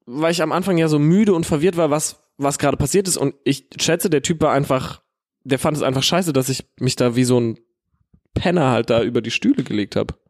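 A man with a Palatinate German accent telling an animated, slangy story in casual chat, full of fillers. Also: on the high side, a little fast.

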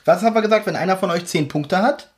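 A man's voice: high-pitched, fast talker. A young man hosting a small quiz on a casual podcast in a room with friends, laid-back and stumbling over words now and then. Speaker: quiz host.

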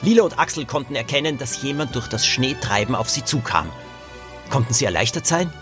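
A man reading his own children's story aloud as narrator, expressive and animated. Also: medium pitch, fairly quick, music in the background.

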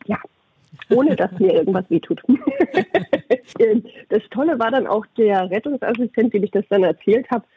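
A middle-aged woman with a husky voice answers interview questions conversationally, telling anecdotes about her work. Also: mid-range voice, moderate pace, no echo. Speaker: interviewee, doctor and puppeteer. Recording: thin phone-like radio sound.

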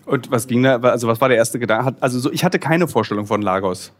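A man's voice: mid-range voice, fast talker. Give me a man hosting a casual interview, wry and talkative. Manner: chatty, wry, self-deprecating asides. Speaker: podcast host and journalist. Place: small office in Lagos.

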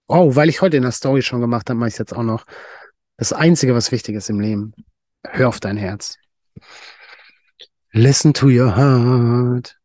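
A man's voice: medium pitch, a little mellow, no room sound, clean studio sound. A man hosting a solo podcast monologue, emphatic and blunt, swearing freely and repeating phrases for effect. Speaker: podcast host.

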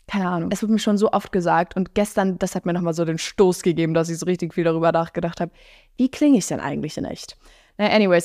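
A nineteen-year-old woman hosting her podcast, chatting in an excitable, bubbly way and mixing in English slang. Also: medium pitch, no echo, clean studio sound. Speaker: podcast host. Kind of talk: casual chat.

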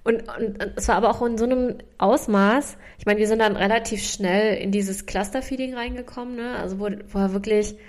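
A young woman co-hosting a podcast, sharing memories in a reflective, halting way with frequent restarts. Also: medium pitch, fairly even intonation. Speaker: podcast co-host. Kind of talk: casual chat.

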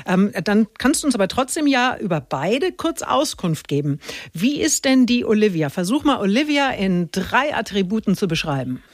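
A woman hosting a conversational radio interview, putting lively, direct questions to a guest. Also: medium pitch, moderate pace, no room sound, studio quality. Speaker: radio talk show host.

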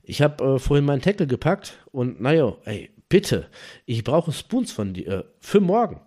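A man's voice: mid-range voice, very animated, normal speed, warm tone. A man voicing his flustered male fishing friend, pleading for help over the phone in a story.

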